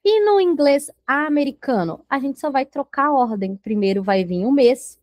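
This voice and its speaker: A woman teaching a beginner English lesson, patiently slowing down to model each English word, her native language Portuguese. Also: high voice, animated, a little mellow, dry recording.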